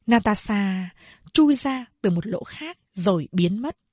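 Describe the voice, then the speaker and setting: A woman narrating an audiobook of a novel in a slow, steady storytelling voice. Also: mid-range voice, slightly rough, no echo.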